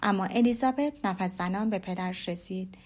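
A woman narrating an audiobook in a steady, measured storytelling voice. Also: medium pitch. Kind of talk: scripted narration.

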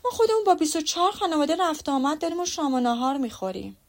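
A woman's voice: high voice, expressive, pitched above the performer's own voice. A woman reading an audiobook, voicing a fussy, boastful middle-aged mother who gushes and prattles. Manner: gushing and prattling.

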